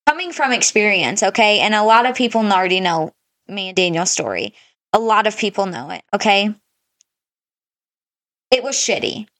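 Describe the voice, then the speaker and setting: A woman's voice: medium pitch, fairly bright tone, no echo, clean studio sound. A woman in her thirties co-hosting a podcast, giving blunt, emphatic advice in casual chat and swearing often. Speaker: podcast co-host.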